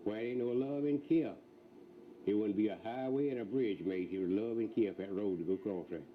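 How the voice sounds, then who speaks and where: A farmer in his eighties, featured in a news story, reminisces unscripted in a folksy, plain-spoken rural Southern US dialect. His voice is fairly low and a bit fast, and the recording sounds thin and phone-like with faint noise.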